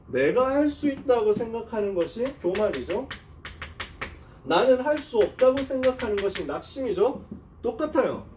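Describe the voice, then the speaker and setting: Male youth pastor, casual storyteller who acts out quotes, high voice, mic a bit far away. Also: a little mellow, slight background noise. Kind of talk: sermon. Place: church youth service.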